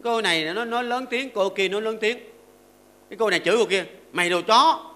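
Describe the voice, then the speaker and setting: High, bright-voiced older monk preaching. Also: male voice, fast. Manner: keeps asking the audience "right?" and teaches with homely stories and verses. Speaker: Buddhist monk giving a dharma talk. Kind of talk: sermon to a seated audience.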